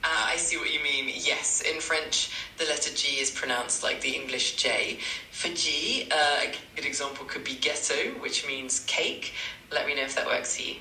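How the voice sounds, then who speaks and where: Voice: medium pitch, normal speed, sharp tone, reverberant, recorded from a distance, slight background noise, low-quality recording. A synthetic AI language tutor voice, polite and eager to please, repeating stock phrases. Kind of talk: chatbot tutoring replies.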